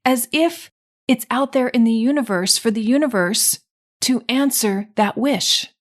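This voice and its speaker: A woman's voice: fairly high pitch, measured pace. A middle-aged woman hosting a motivational podcast, talking emphatically and acting out what people say. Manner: emphatic, animated, acts out quotes. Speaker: podcast host and drinking coach.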